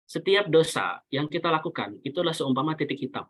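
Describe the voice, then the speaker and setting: A man speaking on a video call, giving a relaxed, explanatory religious talk and quoting Arabic scripture now and then. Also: on the high side, fast talker. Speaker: webinar speaker.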